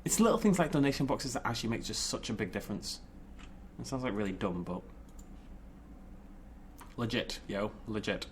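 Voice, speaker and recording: Animated man chatting over a game. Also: on the low side, moderate pace, long pauses, slight background noise. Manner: informal, playful, talks to the game animals. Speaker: gaming video host. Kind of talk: casual game commentary, thinking aloud.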